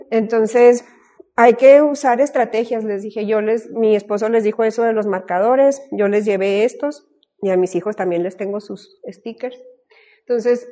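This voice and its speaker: A woman with a Mexican accent speaks in a mellow, warm tone that sits a little high. She teaches casually, telling anecdotes and filling pauses with small hesitations. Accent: Mexican Spanish. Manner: chatty, storytelling, frequent fillers and light laughter. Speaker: Bible study teacher.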